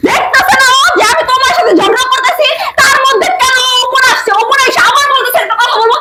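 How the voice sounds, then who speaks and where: A woman playing a shrill, hot-tempered wife. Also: fast talker, roomy sound, very noisy. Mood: scolding. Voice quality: shrill, quarrelsome. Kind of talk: short comedy drama acting.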